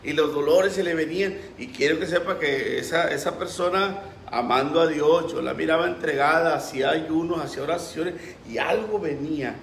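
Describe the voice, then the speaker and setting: Impassioned pastor, fairly high voice. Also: male voice, vocal fry, a bit bright, a little hiss or hum. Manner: impassioned preaching, acts out quoted voices. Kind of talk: sermon. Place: church. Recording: roomy echo.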